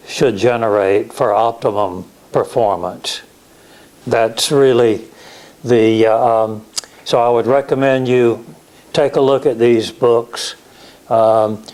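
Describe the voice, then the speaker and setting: A man giving a practical technical lecture as an instructor, explaining step by step in a halting way. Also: medium pitch, a little mellow. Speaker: class instructor in CNC woodworking. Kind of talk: technical lecture with slides and software demo.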